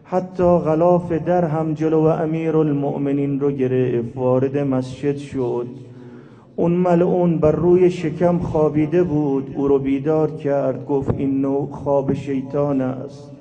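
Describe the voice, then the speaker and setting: A man's voice: a little high, little pitch movement, dark tone. A male preacher giving a mourning sermon, slipping from narration into a sung, wailing chant. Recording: dull lo-fi recording, faint music behind.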